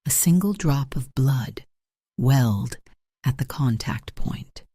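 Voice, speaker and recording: A male narrator reads a romance audiobook with steady, dramatic delivery. His tone is dark and mellow, and the recording is dry and close. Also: mid-range voice, slow pace, breathy edge, no room sound.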